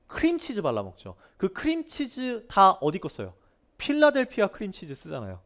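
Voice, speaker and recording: Animated man teaching grammar. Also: high voice, normal speed. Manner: animated, asks students frequent rhetorical questions; repeats key words for emphasis. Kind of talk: lively online lecture.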